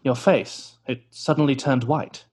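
A man's voice: mid-range voice, fairly even intonation, a little slow, darkish tone, breathy edge. An actor playing a vain, pompous male stage actor who talks theatrically and scoffs, in an old-time radio drama.

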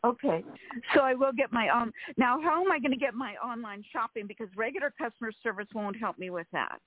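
A woman's voice: a little high, brisk, no room sound. Woman caller, over the phone, rambling, fillers, dry tinny phone line. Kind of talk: call-in radio chat.

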